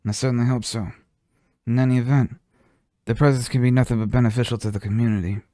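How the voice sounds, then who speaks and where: A man's voice: medium pitch, fairly even intonation, fast talker, warm tone, no room sound, studio quality, voice pushed up, lightly acted. A man doing a drawling mobster boss. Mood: scheming. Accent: Italian-American mobster put-on. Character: Italian-American mobster boss, smooth, scheming.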